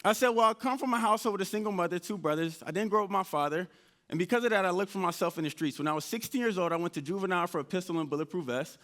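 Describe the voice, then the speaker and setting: A man with a notably high voice tells his story to a live audience. He is an animated motivational speaker who plays out his own past conversations as he goes. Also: very fast. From United States (Indianapolis). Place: event stage before an audience.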